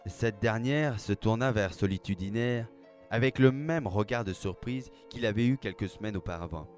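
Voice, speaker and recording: Guy reading a story out loud, lowish voice, measured, soft music behind. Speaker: narrator. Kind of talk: read-aloud story narration. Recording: faint background music.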